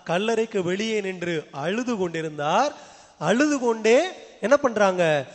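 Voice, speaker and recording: High-voiced priest preaching in a reverberant church. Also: male voice, expressive, unhurried. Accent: Tamil Nadu. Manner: repeats rhetorical questions to the congregation. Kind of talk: sermon. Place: large church.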